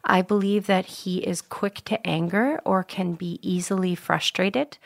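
A woman's voice: medium pitch, vocal fry, no room sound. A woman hosting a podcast as a medium, talking casually and upbeat while sick. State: sick, congested.

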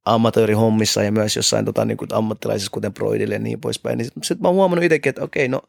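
A man's voice: lowish voice, steady tone, vocal fry, dry recording, clean studio sound. A man co-hosting a casual podcast, a cornerman, rambling with lots of filler words and casual swearing.

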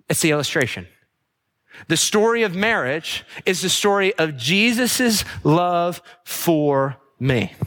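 A male pastor delivering a sermon in a fairly high voice. He drives his points home through repetition and rhetorical questions. His voice drops and fades as he finishes each list. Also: fairly bright tone. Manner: drops pitch and trails off at the ends of lists.

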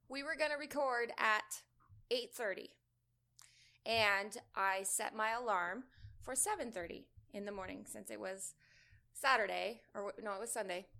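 A woman co-hosting a gaming podcast, telling a story in an animated way and laughing often. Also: a little high, moderate pace, gravelly. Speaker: podcast co-host. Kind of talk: casual chat.

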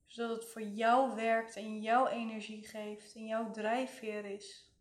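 A woman leading a guided relaxation meditation in a soothing, gentle way, leaving long pauses. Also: fairly high pitch, little pitch movement. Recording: roomy, echoing voice recording.

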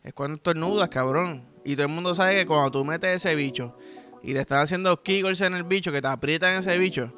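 A man's voice: fairly high pitch, a little fast, sharp tone, soft background music. A young Puerto Rican man hosting a podcast, telling a crude comic story in a casual monologue with acted sound effects. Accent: Puerto Rican Spanish. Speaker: podcast host.

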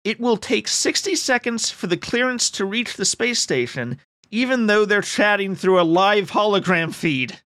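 A man's voice: high-pitched, animated, normal speed, sharp tone. A man recapping a film in casual chat, sardonic and rambling, with frequent restarts. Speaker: podcast co-host recapping a film.

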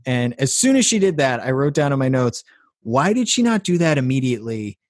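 Very animated and talking fairly quickly, this man in a mid-range voice co-hosts a podcast, playfully retelling a film's story with jokes in an easygoing movie-review chat. The studio-quality recording has no echo.

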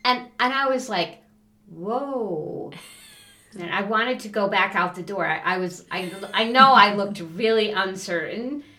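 A woman's voice: medium pitch, normal speed, hardly any pauses, reverberant. A middle-aged woman co-hosting a podcast, chatting casually and acting out the people in her stories. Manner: animated storyteller, acts out voices in anecdotes. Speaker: podcast co-host. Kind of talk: casual chat.

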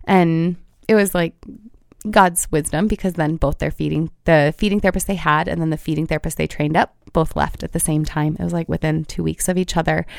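Earnest woman with a gravelly, creaky voice. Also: sits low, fairly even intonation, fairly quick, no echo, clean studio sound. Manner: earnest and heartfelt, with frequent fillers. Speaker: pediatric feeding therapist. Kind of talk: conversational interview.

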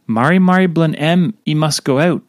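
A man's voice: fairly high pitch, moderate pace, no room sound, studio quality. A man with a Papua New Guinean accent reading a scripted devotional talk. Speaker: devotional reader.

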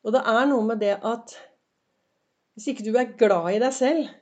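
A woman hosting a podcast in a chatty, encouraging motivational monologue, her voice slightly hoarse and her throat often cleared, with many fillers. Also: on the high side, steady tone, warm tone, dull audio. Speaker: podcast host. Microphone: semi-pro recording setup.

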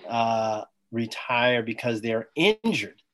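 A former Olympic athlete, appearing as a podcast guest, tells his story conversationally with lots of enthusiasm, speaking in bursts and acting out quoted dialogue. His mid-range voice is fairly bright with lively intonation, and he takes his time.

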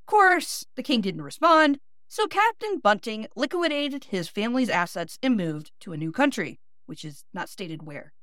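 A woman's voice: fairly high pitch, big pitch swings, normal speed, a bit bright, no room sound, clean studio sound. A woman podcast host with a Northeast Ohio accent, reading scripted history narration with small self-deprecating asides. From Midwestern United States.

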